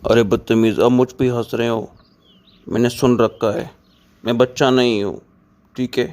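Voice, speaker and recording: A man's voice: mid-range voice, level tone, darkish tone, close to an everyday voice. An actor playing a gullible, easily offended old grandfather who scolds and complains in a comedy skit.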